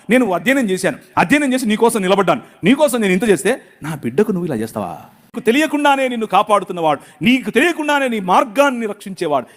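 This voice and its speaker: A middle-aged male pastor with a Telugu accent and a high voice delivers a passionate sermon, acting out both prayers and God's answers.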